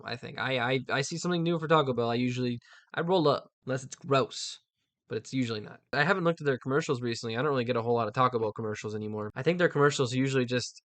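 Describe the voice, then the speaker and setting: Man, American accent, casual commentary, rambling, self-questioning, dry humor, average pitch, dry close recording. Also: no room sound. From United States. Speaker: host.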